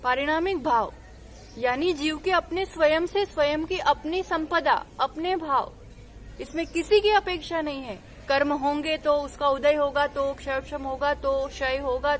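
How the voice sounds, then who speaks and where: A Jain nun giving a devotional sermon, earnest and exhorting, mixing a parable with teaching. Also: female voice, sits high, a little slow, slight background noise. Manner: earnest, exhorting, rising to emphatic calls.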